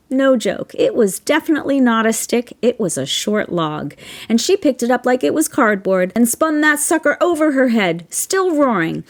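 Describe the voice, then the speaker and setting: A woman in her fifties with a lively voice that swings widely in pitch as she tells a personal story. She talks bluntly and with real force, swearing without hesitation, and sounds impassioned, as if rallying her listeners. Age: 50s. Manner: emphatic, blunt, swears freely. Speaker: social media storyteller.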